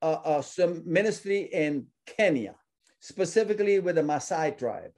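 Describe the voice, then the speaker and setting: Male guest from Suriname, earnest and halting, fairly high, warm tone. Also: lively intonation. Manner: earnest, often repeats words while searching for them. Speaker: ministry founder, guest. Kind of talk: casual interview talk.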